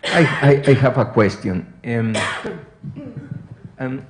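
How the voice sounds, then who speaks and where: A man in the audience asking a question in a halting way, pausing to search for his words. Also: medium pitch, sing-song, a little hiss or hum. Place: university auditorium.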